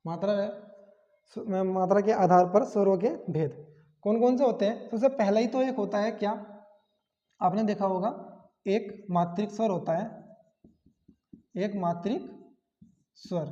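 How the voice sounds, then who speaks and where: In an echoey, dull, lo-fi classroom recording, a man with a high-pitched, dark-toned voice teaches grammar for an exam. He repeats the key terms and asks rhetorical questions along the way.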